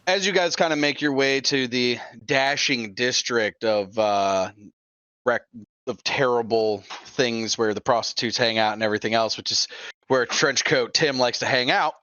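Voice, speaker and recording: A man's voice: medium pitch, moderate pace, pushed and bright, dry recording. A man narrating a tabletop game as its game master, loose and casual, laughing often. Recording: dull, lo-fi and dry.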